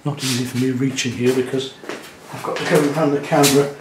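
A man, gently talking through a watercolour demonstration as he paints, thinking aloud in a chatty way. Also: medium pitch, steady tone, quick pace, reverberant, background noise. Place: indoor studio at the easel.

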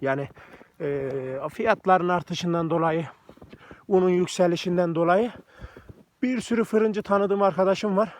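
A man with a notably high voice talks casually to the camera while he walks outdoors through snowy countryside. He chats freely and keeps coaxing and praising his dogs along the way. The sound comes from a camera or phone he carries as he walks. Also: measured pace. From Turkey. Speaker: village farmer vlogger. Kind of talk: casual walking vlog.

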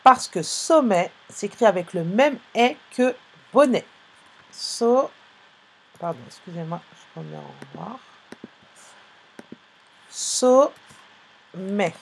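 Woman teacher, phonics class online, talks slow n patient, slightly breathy voice, spells out letters for little kids. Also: on the low side, expressive. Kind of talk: phonics lesson for young pupils. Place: online class, live stream.

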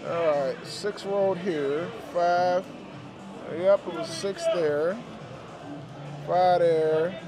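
A man with a high voice and fairly even intonation speaks extremely slowly, with long pauses, while gambling on a busy casino floor full of music and crowd chatter. As a vlogger, he offers casual, slangy play-by-play, repeating numbers and phrases again and again.

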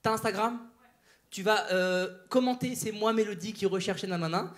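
A male stand-up comedian doing crowd work on stage, teasing audience members with quick banter. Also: high voice. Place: theater stage before a live audience. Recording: live show with loud audience laughter and noise.

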